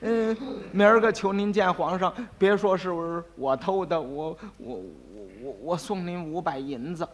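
A man's voice: high voice, normal speed, hardly any pauses, close to an everyday voice. A man doing a stammering, terrified steward. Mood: pleading. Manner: stammering, pleading. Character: frightened groveling male chief steward.

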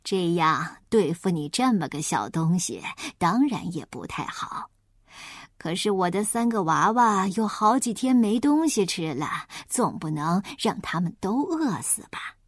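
A woman voicing a hungry, sly father wolf in a storybook reading, talking low and matter-of-fact as he coaxes his prey. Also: very animated, a little slow, no echo, clean studio sound. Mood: coaxing.

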